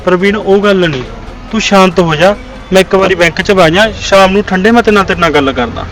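A man's voice: sits high, quick pace, a bit bright, far from the mic, poor audio. An actor playing a young man with a Punjabi accent, pleading with his girlfriend outdoors by a street in a short film. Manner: pleading, coaxing, repeats "yaar". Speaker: boyfriend.

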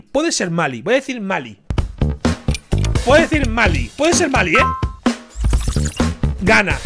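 A man, reacting to a quiz in casual commentary, thinking aloud, repeating his guesses and cheering himself on. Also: a little high. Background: quiz background music.

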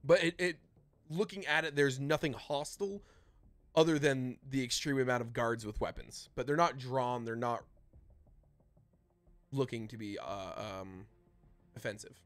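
A man's voice: mid-range voice, a little slow, pauses often, no echo. A man narrating a tabletop fantasy game as the game master, in loose, rambling narration full of restarts. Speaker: dungeon master.

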